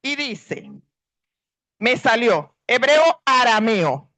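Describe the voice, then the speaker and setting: A woman's voice: fairly high pitch, big pitch swings, extremely slow, fairly bright tone. A middle-aged woman pastor, preaching a sermon earnestly and stretching out key words for emphasis.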